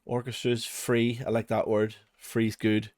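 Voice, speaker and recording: He's a music production channel host with a Northern Irish accent, talking a little slowly in a fairly low, darkish, monotone voice. His tutorial walkthrough is casual and unscripted, chatty, rambling and self-deprecating, recorded cleanly in a studio with no echo.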